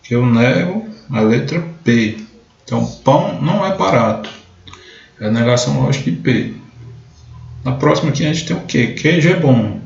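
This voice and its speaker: In an echoey room with dull, lo-fi audio, a man teaches logic during a live online lesson, breaking things down step by step and often beginning with "então." This math teacher's mid-range voice is creaky and expressive, at normal speed.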